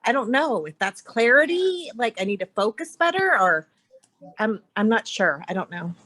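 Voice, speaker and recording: A woman's voice: on the high side, sing-song, normal speed, fairly bright tone. A woman in a group call who talks in a frustrated, searching way. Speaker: group member.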